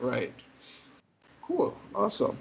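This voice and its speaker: A man hosting an online meeting, listing films in a relaxed, hesitant way with lots of fillers. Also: mid-range voice, slow, creaky, slight background noise, rough recording. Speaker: meeting host. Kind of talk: casual meeting announcements.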